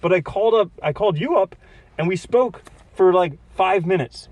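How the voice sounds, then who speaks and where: A man co-hosting a podcast, telling animated stories and cracking jokes. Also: high voice, normal speed, no echo. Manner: storytelling, joking, animated. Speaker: podcast co-host. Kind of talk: casual chat.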